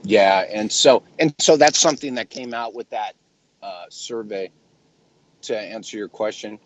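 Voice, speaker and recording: A man who runs a clinic, talking casually and emphatically in a group discussion, often clearing his throat. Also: lowish voice, a little slow, muffled recording. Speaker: clinic owner.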